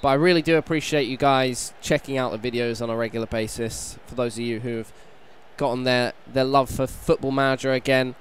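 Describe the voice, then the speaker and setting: A hungover British man giving casual, self-deprecating commentary on a video game playthrough, sounding slightly croaky. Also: medium pitch, fairly even intonation, a little fast, a little hiss or hum. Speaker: gaming YouTuber, host. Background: background music.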